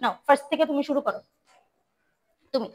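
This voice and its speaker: A woman runs a pronunciation drill in a classroom, her voice sitting high. She repeats each word several times and corrects her students as she goes. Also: fast talker, rough recording. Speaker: English pronunciation teacher.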